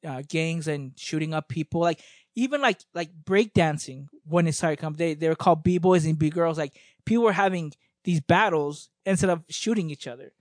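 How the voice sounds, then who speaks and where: Rambling man with a higher voice. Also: normal speed, no room sound, clean studio sound. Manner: rambling, many restarts and fillers. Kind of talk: casual chat.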